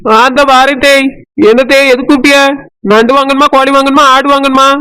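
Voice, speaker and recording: A woman's voice: high voice, little pitch movement, fairly quick, lightly acted. A woman voicing an easygoing middle-aged village husband in a cartoon, speaking in a drawling, obliging way with a Kanyakumari accent. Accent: Kanyakumari Tamil. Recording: loud background noise.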